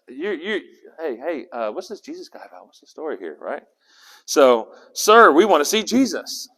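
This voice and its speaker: Speaking in a medium, slightly bright voice, a Bible teacher leads an interactive study session. He keeps it conversational, asks the group questions and sometimes restarts words, all within the long reverberation of a hall.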